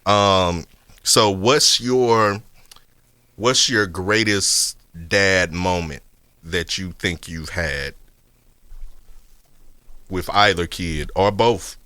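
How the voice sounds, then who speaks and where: Bright, clear-voiced male podcast host. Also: sits low, drawn-out words, pauses often, no room sound. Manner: relaxed, conversational, lots of "like" and "you know what I mean". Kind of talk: casual podcast interview.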